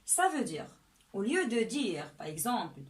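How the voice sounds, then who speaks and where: A woman's voice: mid-range voice, sing-song. A woman teaching a chemistry lesson step by step, often checking in with "d'accord?". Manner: slow and deliberate, often asks "d'accord?".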